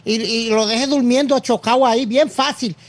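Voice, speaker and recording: A man's voice: very high-pitched, fairly even intonation, normal speed. A man co-hosting a talk show who cuts in bluntly, chatting casually in Spanish and English. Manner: blunt, jumps in and interrupts. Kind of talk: casual bilingual chat.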